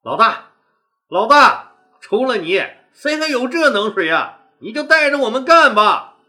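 Eager young village men , voiced by a male storyteller, wheedle and plead in a high, bright, lively voice. Their pitch leaps around with excitement. They sound keen and a little cheeky. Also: normal speed, heavily acted.

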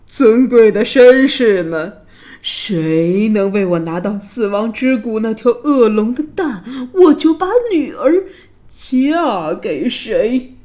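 A woman voicing a loud, greedy and cruel old king who bellows his words. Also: wildly swooping pitch, extremely slow, heavily acted. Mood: bellowing. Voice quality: booming and shouting. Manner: bellowing with harsh laughs.

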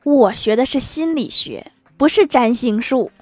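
Unhurried and animated, this female joke narrator has a somewhat high voice and reads a string of brief comic stories in a storytelling manner. When a punchline lands, she lets out a gentle chuckle.

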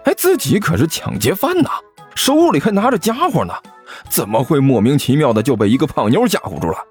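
A man narrating an audiobook story in a lively, expressive way. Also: on the high side, a little fast, soft background music.

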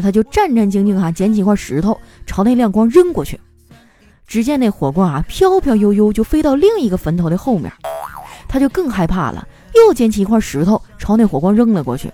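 A woman hosting a comedy podcast, reading out listeners' jokes with frequent laughter. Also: mid-range voice. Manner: laughs often while reading, lively. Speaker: host reading joke submissions. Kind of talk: comic storytelling podcast.

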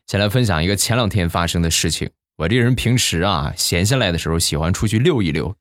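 A young man hosting a comedy podcast, telling funny stories with animated, exaggerated exasperation into a studio mic. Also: low voice, fast, dry recording. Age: young adult. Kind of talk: comic storytelling podcast.

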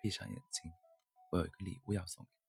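A man's voice: sits low, steady tone, fast, gravelly, slightly rough, faint music behind, full character voice. A man doing a teasing girl fox. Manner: playful, teasing, gently caring.

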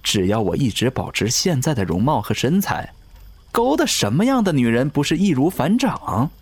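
A man voicing a cruel, gloating undying seducer in an audio drama, speaking in a slow, sneering, mocking way. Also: mid-range voice, big pitch swings, darkish tone, slightly rough, no room sound. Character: ageless male river-god servant, cruel gloating seducer.

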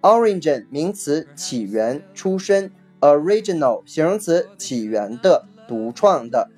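A vocabulary teacher giving a recorded lesson, patiently explaining, repeating each key word twice and spelling it out slowly letter by letter. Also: mid-range voice, sing-song, a little mellow, slightly rough, soft background music. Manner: spells words letter by letter, slow and deliberate.

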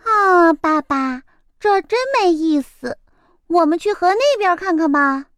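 A woman's voice: very high-pitched, expressive, measured pace, a bit bright, no echo, clean studio sound, pitched above the performer's own voice, full character voice. A woman voicing a spoiled, whiny little egg girl in a children's storybook reading, pleading in a childish way.

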